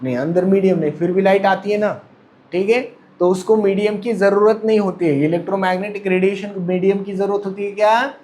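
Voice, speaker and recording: A man's voice: high voice, fairly even intonation, a little fast, a little mellow. A male chemistry teacher lecturing a classroom. He asks the students questions, answers them himself, and calls on them to speak up. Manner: repeats questions and answers them himself, mixing Hindi and English.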